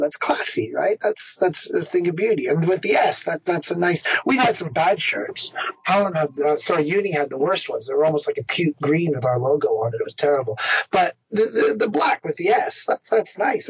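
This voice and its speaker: A middle-aged man talks in a casual, rambling interview, laughing at himself as he tells his stories. His voice is husky and sits a little high. The recording is dry and muffled. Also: no room sound. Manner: rambling, self-mocking storyteller. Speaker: ice hockey player and coach. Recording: dry, dull lo-fi sound.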